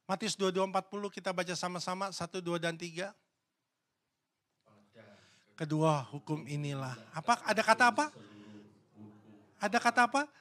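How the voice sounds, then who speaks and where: A man preaching a sermon in a church. His voice sits high and sounds bright and forceful. He fires loud, emphatic questions at the congregation, then drops into hushed, low asides. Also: moderate pace, long pauses. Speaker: pastor.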